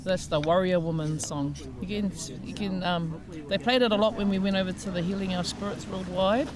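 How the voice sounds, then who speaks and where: A woman with a New Zealand accent talks in a relaxed, rambling way, full of little hesitations. She's recorded outdoors at a busy gathering, with clear crowd chatter around her. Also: on the low side, a little fast. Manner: relaxed, chatty, with many ums and laughs. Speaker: art teacher, interviewee. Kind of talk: casual chat. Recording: outdoor crowd noise behind.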